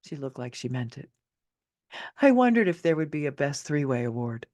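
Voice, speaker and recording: In a dry recording, a woman with a bass voice and darkish tone reads her own story with big pitch swings at a moderate pace. She's the author narrating an expressive personal memoir, candid, wry, and conversational with casual asides.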